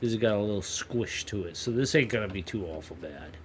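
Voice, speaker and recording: With a lowish, lively voice and a slightly quick pace, this YouTube maker host jokes and rambles in his home workshop, nose stuffy from a cold. He keeps cutting himself off mid-sentence, and there's a bit of hiss or hum.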